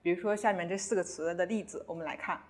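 Woman teaching pronunciation, slow and careful. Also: fairly low pitch, darkish tone. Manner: slow, careful modeling of sounds with repeats. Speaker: language teacher. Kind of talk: pronunciation lesson.

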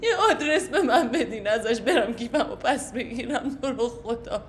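An actress playing a desperate young wife who pleads and swears oaths through tears in a film drama. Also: female voice, fairly high pitch, animated, slight background noise, lightly acted. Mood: tearful. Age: young adult. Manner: begging, tearful, swearing oaths.

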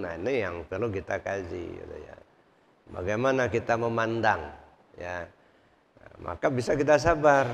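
A man's voice: fairly low pitch, vocal fry, slight background noise. A man preaching at a mosque study session who keeps repeating his points and putting rhetorical questions to the congregation. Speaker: Islamic preacher. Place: mosque hall. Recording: reverberant hall, dull lo-fi sound.

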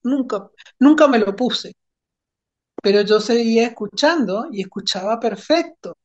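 A woman giving an emotional personal testimony, telling it in an animated way and repeating phrases for emphasis. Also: fairly high pitch, unhurried, highs cut off. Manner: animated storytelling with emphatic repetition.

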